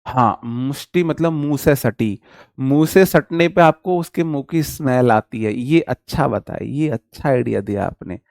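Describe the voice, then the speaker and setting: A man's voice: mid-range voice, moderate pace, creaky, darkish tone, no room sound, studio quality. A man teaching vocabulary in a live online lesson, chatty and joking, calling his viewers brother.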